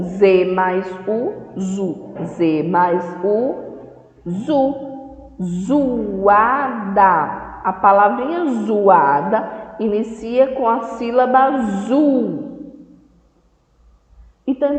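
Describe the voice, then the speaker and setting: A woman's voice: fairly high pitch, darkish tone. A woman teaching young children, speaking patiently and repeating words syllable by syllable. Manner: patient, repeats and spells out words, addresses children with "certo?" and "tá bom?". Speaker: primary school teacher. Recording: echoey room recorded from a distance, dull lo-fi sound.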